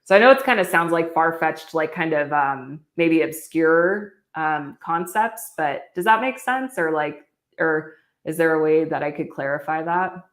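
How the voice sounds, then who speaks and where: A woman's voice: low voice, measured pace. A woman co-hosting a casual podcast discussion, reflective and full of "like" and "um" fillers. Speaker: podcast co-host.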